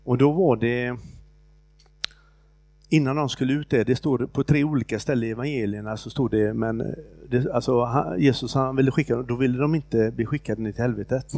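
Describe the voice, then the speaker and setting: A preacher gives a relaxed, unscripted sermon, retelling a Bible story in his own words. His middle-pitched voice is gravelly with some vocal fry, and he speaks haltingly, full of fillers and restarts. The recording is close and dry.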